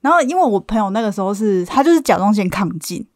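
A woman's voice: mid-range voice, big pitch swings, fast, darkish tone, no echo, studio quality. A young woman, co-hosting a podcast and telling funny stories in casual chat, laughing often. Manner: chatty storyteller, laughs often. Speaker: podcast co-host.

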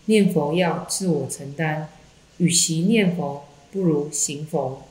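Calm Buddhist nun reading, echoey room. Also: female voice, low voice, slow pace. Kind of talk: reading a Buddhist text aloud.

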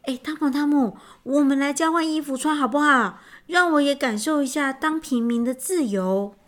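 A woman voicing a young boy prince in a told story, raising her voice high and speaking insistently. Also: moderate pace, natural voice. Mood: playful. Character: young boy prince, playful then distressed.

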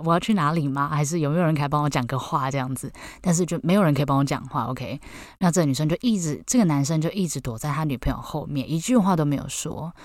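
A young woman with a Taiwanese Mandarin accent and a low voice tells a story on her podcast. She talks in a lively, disbelieving way and keeps dropping in "OK". The sound is close and dry. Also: dry recording. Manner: animated, incredulous, peppers speech with "OK". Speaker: podcast host.

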